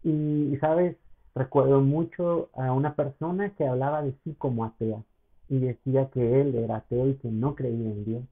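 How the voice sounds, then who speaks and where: A man's voice: medium pitch, steady tone, normal speed. A male pastor, giving an earnest, personal sermon that often turns to address the listener. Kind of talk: sermon podcast talk. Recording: tinny phone-like sound.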